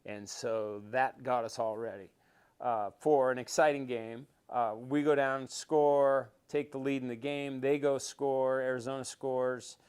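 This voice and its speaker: Older male interview guest, smooth resonant voice, mid pitch, rambling storyteller who warms up as he goes. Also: a little slow. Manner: rambling with many restarts and fillers, grows animated telling stories. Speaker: interview guest, former quarterback.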